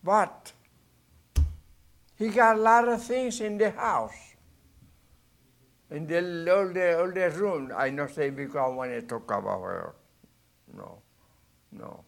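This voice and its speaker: A man preaching a sermon in halting, non-native English with many restarts, swinging between loud bursts and low asides. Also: animated, gravelly.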